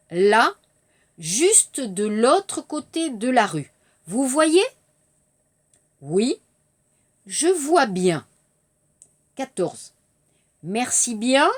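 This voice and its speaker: A woman with a high, very expressive voice runs a French language lesson. She drills pronunciation and says each sentence slowly and deliberately so learners can repeat it. Her tone is corrective and instructive. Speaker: French teacher.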